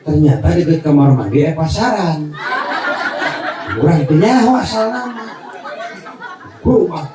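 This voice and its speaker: A man with a Sundanese accent preaching a lively, joking sermon to a large gathering, often laughing and raising his voice. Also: a little high, a little slow, pauses often. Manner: animated, joking, swings between Sundanese and Indonesian, shouts and laughs. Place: outdoor religious gathering before a crowd. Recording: very echoey, far-off, crowd and noise behind.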